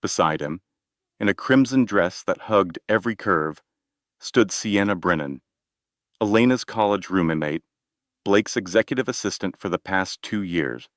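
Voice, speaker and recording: A man with a fairly low voice reads a dramatic story in a measured, steady way. The recording is dry and close, with no room sound around him. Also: no echo. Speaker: narrator. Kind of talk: scripted dramatic narration.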